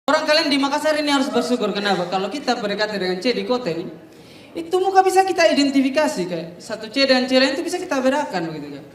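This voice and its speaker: A man from Wakatobi, doing a stand-up comedy routine with deadpan storytelling that builds to punchlines. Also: extremely high pitch, racing. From Wakatobi, Southeast Sulawesi, Indonesia. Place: comedy stage before a live audience. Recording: roomy live venue, distant mic, audience laughter.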